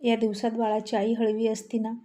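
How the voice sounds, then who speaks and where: A gentle young pregnant woman speaks through tears in a storybook drama, as a woman narrator reads her. The voice is fairly high and mellow. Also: completely flat delivery, normal speed, natural voice. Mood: tearful. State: crying.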